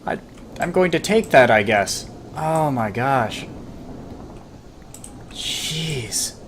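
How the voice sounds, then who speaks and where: A casual gamer narrating his own gameplay, chatty and self-deprecating, with excited outbursts. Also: medium pitch, very slow, slight background noise. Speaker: gameplay commentator. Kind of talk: casual let's-play commentary.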